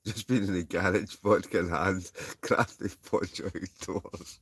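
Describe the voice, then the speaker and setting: A man's voice: low voice, fairly even intonation, a little slow, husky, no echo. A Scottish man chatting casually to livestream viewers in a rambling, chuckling, easily sidetracked way. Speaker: livestream host. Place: inside a tent.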